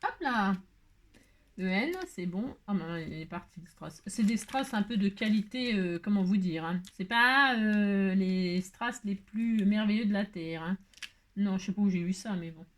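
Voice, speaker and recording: A woman's voice: mid-range voice, a little slow. Woman host, chatty self-mocking crafter talking viewers through a card tutorial. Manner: chatty, self-mocking, laughs often, many fillers. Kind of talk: casual crafting tutorial chat.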